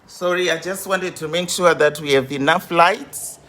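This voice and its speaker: A woman in her fifties, a grief coach hosting a live stream, welcoming viewers over and over in an unhurried way with many fillers. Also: lowish voice, a bit bright. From Zimbabwe.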